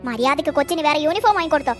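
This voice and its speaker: A woman's voice: high-pitched, animated, rapid-fire, soft background music. Woman voicing a grumbling cartoon grandmother. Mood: scolding. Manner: complaining, scolding.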